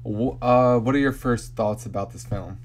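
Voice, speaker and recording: A man's voice: mid-range voice, moderate pace. A man hosting a casual horror podcast, introducing the films and laughing easily. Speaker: podcast host.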